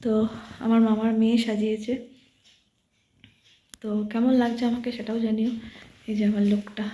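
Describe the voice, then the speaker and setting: A woman talks to her phone camera late at night, keeping her voice low and soft so she wakes no one. Her tone is dark and mellow with a flat, even pitch. The bedroom lends a roomy echo. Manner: speaking quietly and softly so as not to wake sleepers. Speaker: vlogger. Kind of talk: late-night vlog talk to viewers. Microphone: phone camera held by hand.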